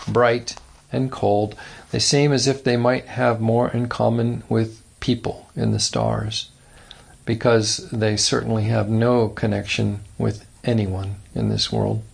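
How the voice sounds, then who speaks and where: A man reading aloud a lecture on preaching, with an earnest, measured delivery. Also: lowish voice, vocal fry, husky. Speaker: reader.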